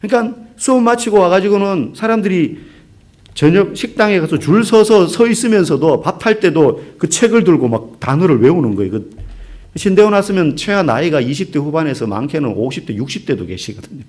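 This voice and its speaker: Korean pastor guy mid-sermon, 40s, voice bounces all over, goes big then quiet, kinda high. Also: sing-song, fairly quick. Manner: conversational storytelling with humor, swings from loud to hushed. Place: church sanctuary.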